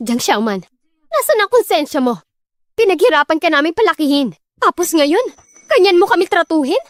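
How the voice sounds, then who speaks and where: Brief: actress as a reproachful middle-aged mother, high-pitched, scolding. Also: very animated, normal speed, dry recording, clean studio sound. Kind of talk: Tagalog dub acting.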